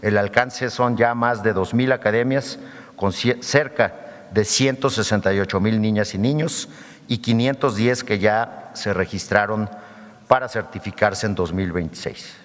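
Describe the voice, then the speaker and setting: Man, low voice, formal official presenting figures and slides at a podium; long hall reverb. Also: measured pace. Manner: reads figures steadily and calls for the next slide. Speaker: government official presenting at a press conference. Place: government press conference hall.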